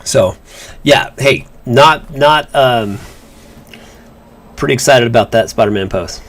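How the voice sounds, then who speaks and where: A man's voice: mid-range voice, slow pace, fairly bright tone. A man co-hosting a live drawing stream, chatting casually as he works, rambling and stumbling over his words. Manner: rambling, repeats words and restarts often. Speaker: comic artist co-host. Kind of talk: casual chat while drawing on a livestream.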